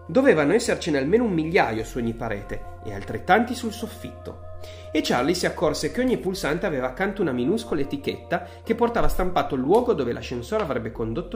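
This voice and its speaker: An audiobook narrator reading a children's story aloud, with a middle-pitched voice that swings widely in pitch. Faint music plays softly behind the narration. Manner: expressive, lively reading.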